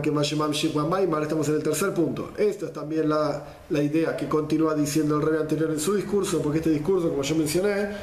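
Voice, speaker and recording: Man, lively Torah class teacher, slightly high voice, roomy echo. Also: slight background noise. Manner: lively explainer, mixes Hebrew quotes with Spanish gloss.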